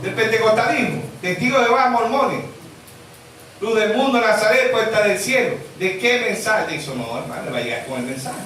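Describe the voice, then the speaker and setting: A man's voice: sits high, lively intonation, a little fast, fairly bright tone. A man preaching a sermon, who keeps asking his congregation "yes or no?" to draw an amen. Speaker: pastor. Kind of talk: evangelical sermon. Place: church. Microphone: distant mic. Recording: echoey church from far off, noisy.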